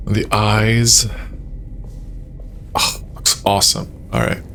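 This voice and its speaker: A man gives relaxed, enthusiastic commentary while playing a horror game. His voice is low and gravelly and he talks slowly, with faint game ambience behind him. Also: a little hiss or hum. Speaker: gaming streamer. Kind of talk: casual gameplay commentary.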